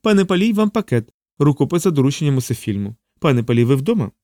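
A man's voice: mid-range voice, very animated, quick pace, warm tone, no echo, clean studio sound, voice pushed up, lightly acted. A male audiobook narrator voicing a cheerful courier of about eighteen. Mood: eager. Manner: cheerful and eager.

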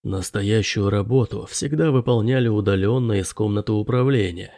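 A man's voice: fairly low pitch, moderate pace, warm tone, no echo, studio quality, pitched below the performer's own voice, natural voice. A man voicing an elderly, timid male professor in an audiobook, murmuring and hesitant. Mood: worried. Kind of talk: audiobook character voice.

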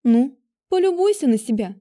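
A woman's voice: high voice, sing-song, normal speed, dark tone. A woman voicing a stern, bossy female witch who grumbles and gives strict orders in an audiobook. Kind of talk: audiobook character voice.

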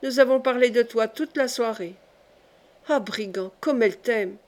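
A woman reading aloud as a gentle, caring older brother who speaks softly and tenderly, in an audiobook. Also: a little high, unhurried, close to an everyday voice. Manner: soft, tender scolding.

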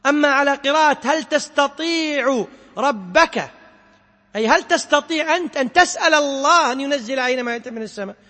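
A man, a sheikh, teaching a class. He quizzes his students and recites quoted verses slowly. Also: extremely high pitch, bright, forceful tone, long reverb tail. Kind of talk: classroom lecture explaining a poem on Quran sciences.

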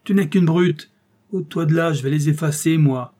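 A man's voice: fairly high pitch, moderate pace, breathy edge, pitched above the performer's own voice. A man doing a barking, commanding general. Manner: barking orders, loud and emphatic. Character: stern commanding male general, gruff and mocking. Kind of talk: audiobook character voice.

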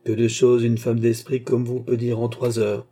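A man voicing an eager, flattering older cardinal in an audiobook, speaking in a courtly, insistent way. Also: mid-range voice, normal speed, close to an everyday voice.

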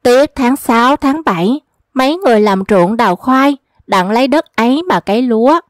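Woman reading folk tales, high dry voice. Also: animated, normal speed, dry recording. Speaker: storyteller.

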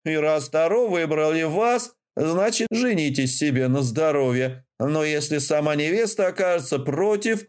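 A man's voice: fairly high pitch, animated, moderate pace, few pauses, clear, resonant tone, close to an everyday voice. A man reading as a pompous, preachy old admiral. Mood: lecturing. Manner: lecturing, self-important. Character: older male rear admiral, pompous and preachy.

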